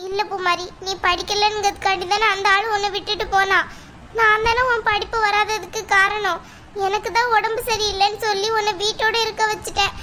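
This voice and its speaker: A woman's voice: very high-pitched, little pitch movement, brisk, background noise. A woman voicing a grieving middle-aged village mother who laments and blames herself, in a cartoon. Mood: self-blaming. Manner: lamenting, plaintive. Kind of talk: cartoon voice acting.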